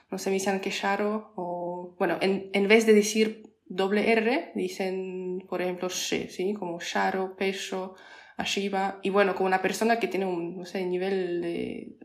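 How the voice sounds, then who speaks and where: Polish woman, podcast guest, hesitant and filler-heavy, roomy echo. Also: medium pitch. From Poland. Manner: hesitant, many fillers and restarts, explains patiently. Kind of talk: casual interview chat.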